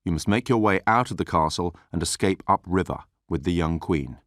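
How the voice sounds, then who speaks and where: A man delivering solemn, measured dramatic narration as a game's mission briefing narrator. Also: sits low, animated, no room sound, clean studio sound.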